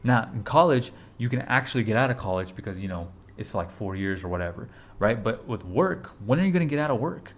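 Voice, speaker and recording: Man, twenties, fitness vlogger, lowish voice, casual motivational talk, urgent, blunt, repetitive. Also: expressive, fast talker, hardly any pauses. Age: 20s.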